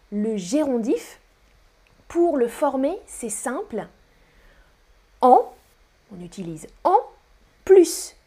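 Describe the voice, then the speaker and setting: A woman teaching a French grammar lesson on a live stream, speaking slowly and deliberately and repeating key words. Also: a little high, dark tone. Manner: slow, deliberate teaching with repetition; whispers on purpose as a demonstration.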